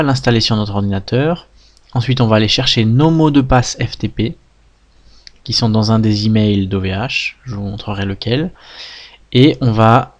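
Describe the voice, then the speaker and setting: A man, patiently walking viewers through a software tutorial step by step, often checking "d'accord?". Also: on the low side. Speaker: web tutorial instructor. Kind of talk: screen-recorded software tutorial.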